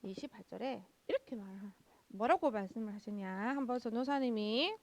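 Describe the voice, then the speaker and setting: A young woman pastor giving a children's sermon, lively, asking the kids questions and answering them herself. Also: a little high, fast talker, no echo.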